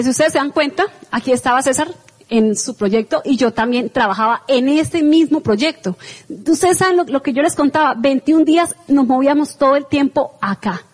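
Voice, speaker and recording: A woman telling her part of a story to an audience in a hurried, brisk way. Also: high voice, poor audio. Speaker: speaker at a business event. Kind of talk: quick personal story to an audience.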